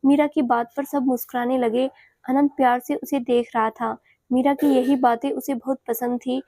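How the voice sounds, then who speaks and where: A woman narrating a romantic audio story in a steady, even storytelling manner. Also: sits high, normal speed, no echo.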